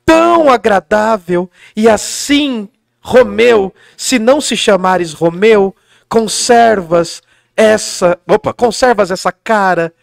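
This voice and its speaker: A man voicing Juliet as a lovesick young woman, reciting in a slow, drawn-out theatrical way. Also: high voice, creaky, dry recording, clean studio sound, exaggerated voice. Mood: yearning.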